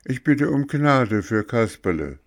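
A man's voice: very animated, unhurried. Man doing a pleading wooden puppet boy. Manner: high, imploring, heroic.

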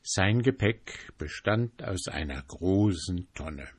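A man reading a fairy tale aloud in a calm, measured way. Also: low voice, husky. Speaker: narrator. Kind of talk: storybook reading.

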